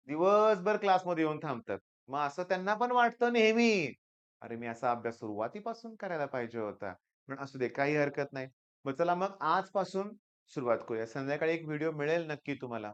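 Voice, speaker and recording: A man's voice: fairly high pitch, smooth, highs cut off. A man in his forties with a Marathi accent, a teacher giving students an earnest, reassuring motivational talk, tired and with a weaker voice than usual, often asking "okay?". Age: 40s.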